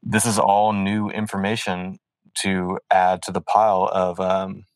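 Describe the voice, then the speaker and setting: A man co-hosting a casual sports podcast, thoughtful and measured, with many ums. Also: low-pitched, level tone, no echo, poor audio. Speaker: podcast co-host.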